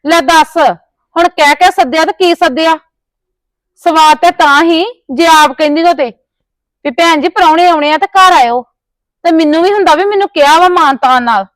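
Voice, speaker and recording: Woman, family drama, scolding, sarcastic, high voice. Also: normal speed, a bit bright, dry recording. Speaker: taunting neighbour. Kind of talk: Punjabi village family drama acting.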